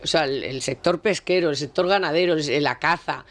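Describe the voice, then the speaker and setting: A man's voice: a little high, fairly quick, fairly bright tone. A man with a Spanish accent, a commentator on a radio panel, exasperated and often chiming in with short agreements.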